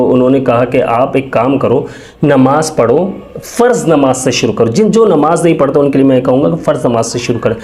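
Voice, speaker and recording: A man's voice: medium pitch, dark tone. A man in his thirties telling his own life story in an earnest, rambling way, full of restarts and quoted thoughts to himself. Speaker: speaker sharing a personal story. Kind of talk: casual personal testimony.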